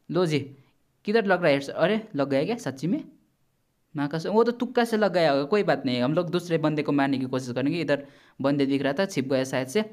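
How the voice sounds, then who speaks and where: A man giving casual gameplay commentary as a gaming YouTuber, chatty and blunt, warning his viewers and swearing now and then. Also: on the high side. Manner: chatty, repeatedly addresses viewers as brother.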